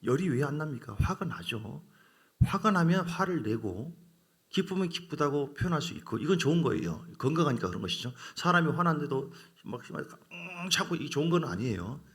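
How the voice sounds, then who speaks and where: A man preaching a midweek sermon with a gravelly edge to his voice. His pitch swings widely as he questions the congregation and mimics the voices he quotes. He delivers it with animated pulpit energy. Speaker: pastor. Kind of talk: Wednesday evening sermon.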